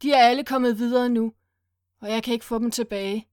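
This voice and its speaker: A furious man back from the dead, roaring orders and spitting bitterness, as a woman narrator acts him out. His voice rises high and loud when he shouts. The recording is close and dry. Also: fairly even intonation, clear, resonant tone, no room sound, lightly acted. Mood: bitter. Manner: barking, roaring commands.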